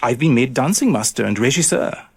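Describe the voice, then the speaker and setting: A man reading the part of an older male ballet master in a scripted exam monologue, measured and steady. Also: mid-range voice, husky. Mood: reflective.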